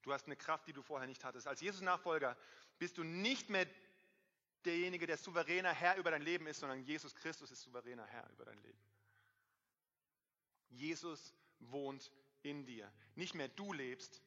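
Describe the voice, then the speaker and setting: A man in his thirties preaching a sermon to a congregation, lively, swinging between loud emphasis and quiet asides. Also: fairly high pitch, normal speed. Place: church hall. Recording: dull, reverberant hall sound.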